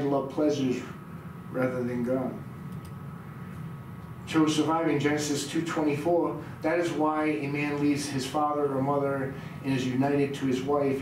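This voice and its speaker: A man's voice: on the high side, recorded from a distance. Middle-aged guy preaching, reads verses, asks the room stuff, noisy echoey recording. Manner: reads scripture aloud and quizzes the audience. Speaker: pastor. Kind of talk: sermon. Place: small church room indoors.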